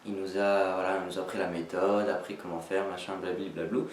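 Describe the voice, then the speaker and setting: A man talking casually to viewers in a vlog, rambling, halting and self-deprecating. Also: deep voice, little pitch movement. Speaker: amateur sketch writer introducing own video. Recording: echoey, slightly noisy, distant microphone.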